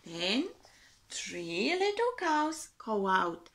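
A teacher in her forties reading a counting picture book aloud to young children, in a slow, expressive storytime manner, in a small room. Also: medium pitch.

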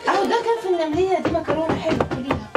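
A woman's voice: very high-pitched, animated, rapid-fire, far from the mic, over loud music. An actress playing an evasive young woman who hesitates and stammers over her answers. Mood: nervous.

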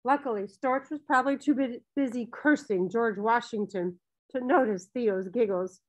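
Gentle woman reading a children's story. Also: a little high, normal speed. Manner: gentle storytelling, briefly voicing characters. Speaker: audiobook narrator. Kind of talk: scripted narration of a children's novel.

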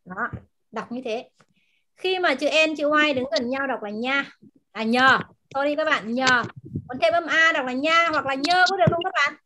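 A woman teacher in an online class, patiently explaining words and pronunciation and repeating them slowly over a video call. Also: high-pitched, pushed and bright. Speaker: language teacher.

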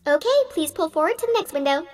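A woman's voice: very high-pitched, lively intonation, fast, a little mellow, soft background music. A woman putting on a polite drive-thru worker. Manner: cheerful, polite order-taking phrases. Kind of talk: toy play-acting for children.

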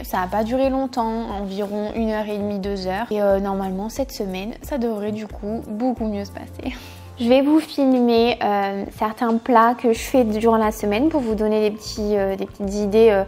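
A young adult woman vlogs casually to the camera, first in a small furnished room at home and later from inside a parked car, with music playing in the background. Her voice is slightly high with a somewhat dark tone.

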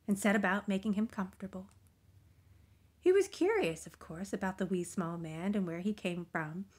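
A woman reading a children's picture book aloud, gentle and expressive, often dropping into soft whispers. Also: fairly low pitch. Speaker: storybook reader.

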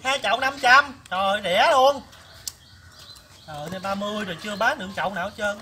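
A man's voice: high-pitched, quick pace, slight background noise. A man playing a chatty, nosy older village flower seller woman with a Southern Vietnamese accent, exclamatory and gossipy in a comedy skit. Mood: folksy, exclamatory. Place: outdoors in a palm garden. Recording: loud background music.

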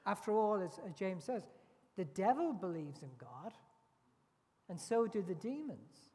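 A middle-aged man delivers a sermon at an unhurried, measured pace. He leans on rhetorical questions to make his points. His voice rings with the long reverb of a big hall and is picked up from a distance. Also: high-pitched, sing-song, a little mellow, slightly rough. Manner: deliberate, with rhetorical tag questions. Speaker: preacher. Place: large indoor church hall.

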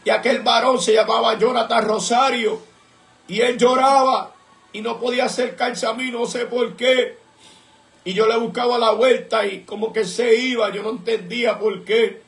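A man's voice: extremely high pitch, fairly even intonation, normal speed, vocal fry, fairly bright tone, echoey room. A man giving an earnest religious testimony, telling his story with repeated recollections and bursts of praise. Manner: fervent, breaks into praise mid-story. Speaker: church member giving testimony.

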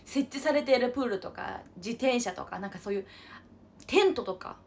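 A woman's voice: on the high side, lively intonation, brisk, darkish tone, a little hiss or hum. Bubbly young woman chatting on a livestream. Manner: bubbly, refers to herself with an unusual cutesy pronoun. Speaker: livestream idol host. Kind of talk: casual livestream chat reading comments.

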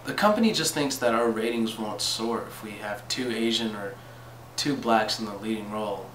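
A young man in an amateur student skit plays an upbeat producer who talks his way around things. His voice is bright. The room is echoey, he is a little off mic, and faint noise sits underneath. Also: fairly low pitch, normal speed. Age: young adult. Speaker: student actor playing a casting producer. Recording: roomy, distant, faint noise.

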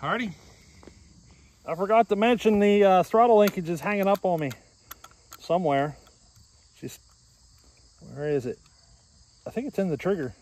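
Outdoor vlogger, man in his 40s, a touch higher-pitched, casual rambling with chuckles, crickets chirping behind. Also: normal speed, long pauses, a little mellow, a little hiss or hum. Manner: rambling, chuckling, filler-heavy. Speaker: chainsaw builder. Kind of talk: casual workshop vlog. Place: outdoors in a grassy yard. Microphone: camera close up, handheld.

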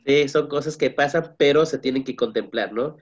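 A man, a parent and guest, speaking in a measured, reflective way and often ending with a tag question. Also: fairly high pitch, highs cut off. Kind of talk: casual panel chat.

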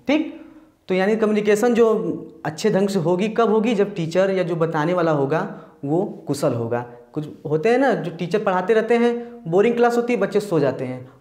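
Recorded in an echoey room, this classroom-style lecture features a teacher whose medium-pitched voice is a little mellow. The teacher goes step by step, repeats points frequently, uses "ठीक" to check in before continuing, and mixes in English terms with the Hindi.

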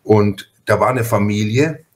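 In a lowish, slightly slow voice, a Franconian-accented man from Franconia, Germany, hosts a relaxed podcast interview. He spins stories in a homey, talkative manner that keeps stopping and starting.

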